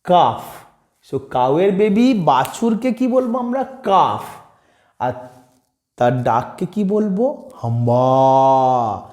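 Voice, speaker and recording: Lively man teaching kids English. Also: high voice, slow, roomy sound. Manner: asks questions and answers them himself, mixes English phrases in. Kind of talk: explaining a children's English lesson.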